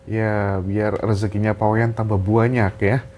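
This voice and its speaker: A man's voice: on the low side, flat delivery, measured pace, a little mellow. A man hosting a live talk show, eagerly asking questions and relaying viewers' questions to his guest. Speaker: host.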